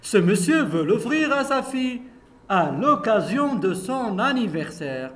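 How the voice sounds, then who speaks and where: A man reading aloud, voicing a courteous toy-shop merchant who speaks slowly to his customers. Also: sits high, very animated. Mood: polite. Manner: courteous, drawn-out.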